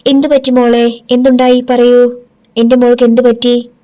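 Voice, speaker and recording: Woman voicing worried middle-aged mother, pleading, shaken, soft, mellow tone. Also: fairly high pitch, little pitch movement, moderate pace, close to an everyday voice.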